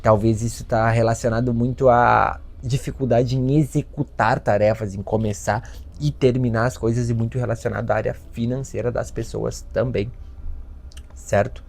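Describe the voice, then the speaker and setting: A Brazilian man giving a self-help talk, animated, acting out parents and children in his stories. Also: medium pitch, normal speed, vocal fry. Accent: Brazilian Portuguese. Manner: lively storyteller, acts out voices of children and parents. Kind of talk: lecture with acted anecdotes.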